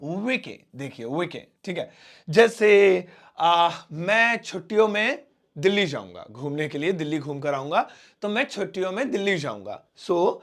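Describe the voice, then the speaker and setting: A man teaching a spoken English lesson, explaining slowly and repeating each word with everyday examples. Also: high-pitched, big pitch swings, a bit bright.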